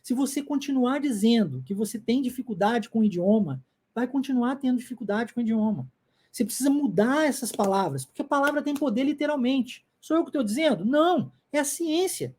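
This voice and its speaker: A Brazilian woman teaches an English lesson online, her speech sliding up and down with lots of melody. Her voice sits a bit high but sounds warm and mellow. She drills short phrases again and again and keeps checking that the listener is following. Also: brisk. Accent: Brazilian Portuguese. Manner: animated, drills phrases by repetition, frequent check-in tags.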